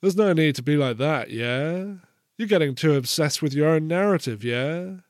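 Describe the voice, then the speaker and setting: A man's voice: fairly high pitch, expressive, normal speed, dry recording, studio quality, natural voice. A man voicing an overly chummy male host who keeps tagging "yeah?" onto his sentences. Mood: pushy, cajoling. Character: chummy male host who ends every phrase with a question.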